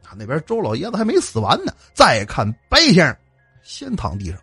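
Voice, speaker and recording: A man's voice: medium pitch, brisk, vocal fry, husky, dry recording, faint music behind. A man telling a spooky folk tale in a colloquial, joking storyteller's manner. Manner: lively, colloquial, joking asides. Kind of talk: spoken ghost story with asides.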